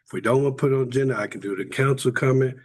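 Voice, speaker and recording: A man's voice: medium pitch, rapid-fire. A man on a town council, talking casually and chattily, often trailing off mid-sentence. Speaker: council member. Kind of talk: casual meeting talk. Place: town council meeting room.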